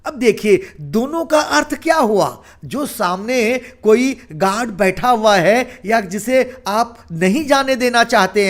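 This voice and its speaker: एक ऊँची आवाज़ वाला पुरुष शिक्षक, धीमी गति से. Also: male voice, extremely high pitch. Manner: asks rhetorical questions and answers them himself; slow, deliberate delivery. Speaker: Hindi teacher. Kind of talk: classroom lesson explanation.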